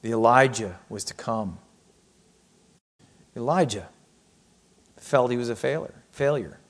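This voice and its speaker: A man's voice: mid-range voice, expressive, measured pace. Male pastor preaching, mid-range voice, scripture reading and rhetorical questions. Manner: reads scripture aloud, then reflects with rhetorical questions. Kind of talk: sermon.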